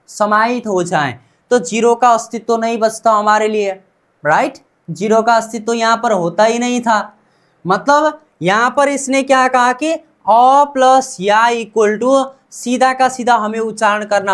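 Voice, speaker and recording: Korean pronunciation is taught here in Hindi by a woman with an Indian accent and a fairly high-pitched voice. She says every word many times and poses questions to students before answering.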